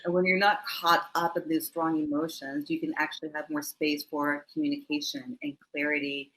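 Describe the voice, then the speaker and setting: A woman's voice: low voice, moderate pace, poor audio. A middle-aged woman, a mindfulness teacher, answering interview questions with laughing asides and acted-out quotes over a video call. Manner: warm laughing asides, acts out quoted voices.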